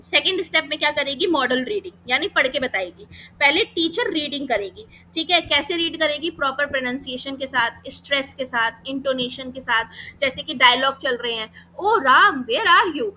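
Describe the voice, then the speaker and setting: A woman's voice: sits high, normal speed, sharp tone, a little hiss or hum, rough recording. A woman with an Indian accent giving an exam-prep lecture, explaining step by step and asking herself rhetorical questions. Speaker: teacher.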